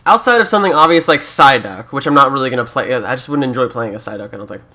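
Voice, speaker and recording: A man's voice: mid-range voice, animated, fast, pushed and bright. Chatty Canadian man gaming. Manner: chatty, joking, reads game prompts aloud and laughs often. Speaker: YouTuber. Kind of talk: casual let's-play commentary.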